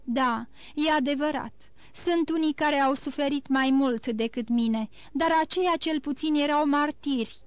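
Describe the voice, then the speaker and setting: A woman's voice: high-pitched, few pauses, dry recording, natural voice. A woman voicing a starving, desperate male banker who begs for his life in broken, pleading cries, in an audiobook. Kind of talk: audiobook reading.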